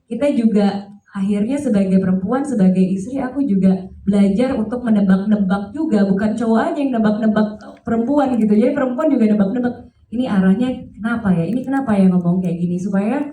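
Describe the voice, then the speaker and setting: A woman actress reflects calmly at a press conference. Her voice is very mellow and dark in tone, and she is picked up from a distance in a reverberant room. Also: medium pitch, fast talker. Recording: echoey room, distant mic.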